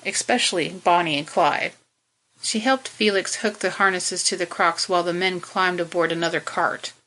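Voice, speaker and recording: Audiobook narrator: woman, lowish voice with a bright, forward edge, steady measured read. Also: low-quality recording.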